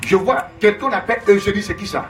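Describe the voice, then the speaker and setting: A man's voice: high-pitched, fast. A man preaching as a prophet, emphatic and repetitive, calling out names and Alléluia in call-and-response.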